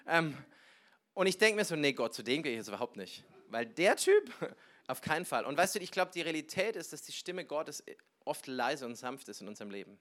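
A man preaching a sermon, telling personal stories with lively, animated delivery and acting out conversations with sudden loud bursts. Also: on the high side. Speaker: pastor.

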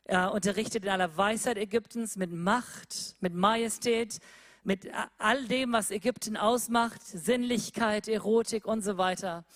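A preacher giving a sermon, repeating rhetorical questions and moving between loud emphatic lines and quiet low ones. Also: unhurried.

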